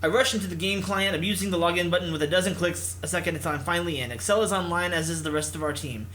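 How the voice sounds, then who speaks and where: Speaking very fast in a high, fairly bright voice, a man reads out visual novel lines and comments casually, with a faint hiss or hum in the recording. He hosts the playthrough in a playful, dramatic way, voicing the characters himself.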